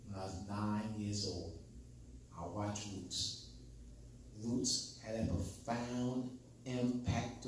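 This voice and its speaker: Slow, emphatic man in an echoey room. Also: medium pitch. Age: 50s. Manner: emphatic and repetitive, stressing key phrases. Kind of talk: personal storytelling in conversation. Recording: echoey room, distant mic, faint background noise.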